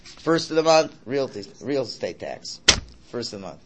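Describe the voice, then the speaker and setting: A man's voice: medium pitch, sing-song, normal speed, very noisy. A man giving an informal Torah lesson, repeating his points, posing rhetorical questions and checking in with "right?". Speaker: religious teacher. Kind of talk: informal Torah lesson, translating and explaining a text.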